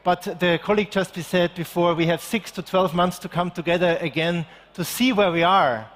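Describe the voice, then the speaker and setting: A middle-aged man speaks at a festival in a high, earnest voice, pressing his point with urgency and restarting his sentences along the way. The sound rings with a long reverb from a large hall. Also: moderate pace, fairly bright tone. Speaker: conference speaker. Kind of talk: conference talk.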